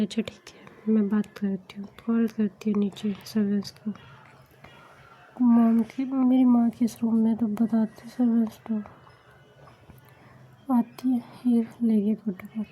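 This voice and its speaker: A woman narrating a romantic story in a soft, whispered role-play, voicing every character herself. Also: fairly high pitch, husky, lo-fi sound.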